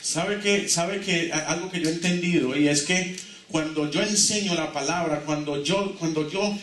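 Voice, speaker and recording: Recorded from a distant mic in an echoey church hall with slight background noise, a pastor leads his congregation through call-and-response declarations during a fervent sermon. He speaks at a normal speed in a fairly bright, slightly high voice.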